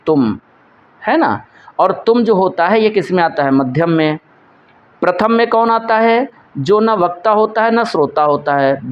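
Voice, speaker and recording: A man's voice: high-pitched, muffled recording. A male teacher going through exam quiz questions, posing each question and answering it himself while repeating the key points.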